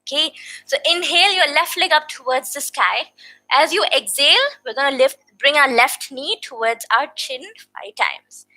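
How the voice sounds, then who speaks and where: A woman's voice: high voice, moderate pace, pushed and bright, rough recording. A woman teaching a guided yoga class, counting reps and checking in often, a little out of breath. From India.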